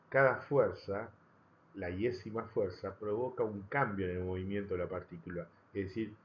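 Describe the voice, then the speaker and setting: Deep-voiced man teaching a physics lecture. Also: highs cut off, slight background noise. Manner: explanatory, rephrasing often, checking understanding with tag questions. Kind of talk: recorded lecture over slides.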